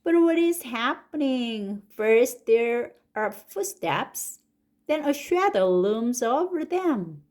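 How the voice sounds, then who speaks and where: A woman with a Korean accent, an English picture-book reader and teacher, reads a children's story aloud in English. She goes very slowly and deliberately, stretching out each word, and her slightly high voice rises eagerly on exclamations whenever something exciting happens.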